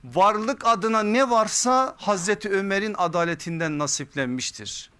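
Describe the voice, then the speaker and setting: A man preaching from a pulpit microphone, giving an earnest, measured religious lesson that builds to emphatic repeated phrases. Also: high-pitched, sharp tone, smooth. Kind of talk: sermon-style lecture. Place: pulpit in a mosque or lecture hall.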